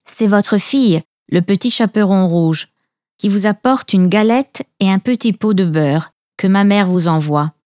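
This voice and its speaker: A woman's voice: mid-range voice, measured pace, a little mellow, dry recording, lightly acted. A woman reader plays a trusting little girl from a storybook. She speaks in a naive, polite way, dry and close to the mic. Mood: wondering. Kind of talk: storybook reading.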